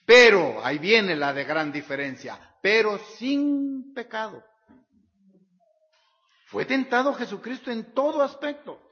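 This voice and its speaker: A man's voice: high voice, animated, unhurried, bright, forceful tone. A man preaching a sermon, reading scripture aloud and repeating the verse references. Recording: dull sound with long hall reverb.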